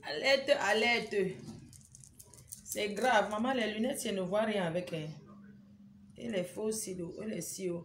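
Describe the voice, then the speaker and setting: A woman hosts a casual phone live stream indoors at home, speaking slowly in a mid-range voice with frequent pauses. Her pleas to viewers are repetitive and urgent, mixed with teasing, scolding banter, and the sound is reverberant with slight background noise.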